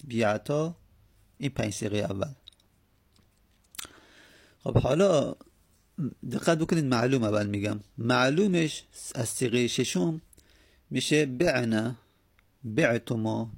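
A man teaching a grammar lesson, patiently reciting verb forms in steady repeated drills. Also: medium pitch, gravelly, husky. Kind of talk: grammar lecture with recited conjugations.

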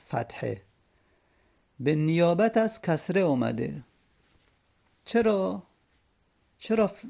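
A man's voice: fairly high pitch, gravelly, darkish tone. A man teaching Arabic grammar, patiently repeating each point and example.

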